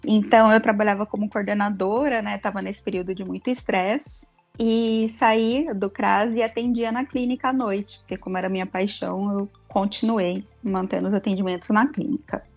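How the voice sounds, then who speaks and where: Lively Brazilian woman telling stories. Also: mid-range voice, normal speed, creaky, few pauses, lo-fi sound, soft background music. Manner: lively, animated storyteller. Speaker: podcast guest. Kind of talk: casual storytelling interview.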